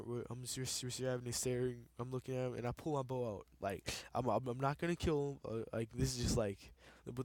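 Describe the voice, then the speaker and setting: A man's voice: mid-range voice, a little mellow, no echo. A young man giving casual, rambling commentary over his game footage, often tripping over repeated words. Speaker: let's play gamer.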